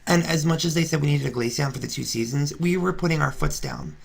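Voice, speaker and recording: A woman's voice: low-pitched, fast talker, gravelly, slightly rough, heavily acted. A woman voicing a brash, gossipy female Flareon reality star, ranting sarcastically in a confessional-style fan drama. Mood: indignant. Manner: indignant, sarcastic ranting with restarts.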